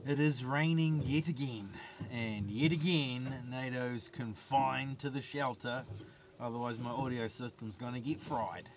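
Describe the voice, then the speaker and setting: A New Zealand man in his forties fishes from a small boat outdoors, chatting cheerfully to a handheld camera held at arm's length and laughing often. His medium-pitched voice moves a little slowly, with slight background noise, in this casual fishing vlog.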